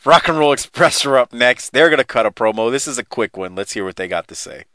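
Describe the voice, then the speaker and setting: Male podcast host, bright and crisp, conversational, casual wrestling chat, dry sound. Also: mid-range voice, expressive, fast, dry recording. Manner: conversational, directing co-hosts.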